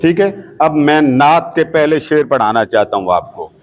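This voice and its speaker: A man with a Pakistani Urdu accent teaching children to sing devotional naat in a school classroom. He sings slow, drawn-out lines, then explains quickly and coaxes the pupils. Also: on the high side, lively intonation. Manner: addresses children as a coaxing teacher. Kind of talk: teaching devotional chant with sung examples.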